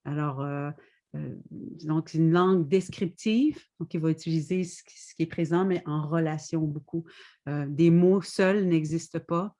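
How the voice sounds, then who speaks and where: A woman's voice: deep voice, steady tone, mellow. A woman on a webinar panel, explaining her language thoughtfully, with frequent restarts. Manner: thoughtful, halting, explains slowly with many restarts. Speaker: guest poet and author.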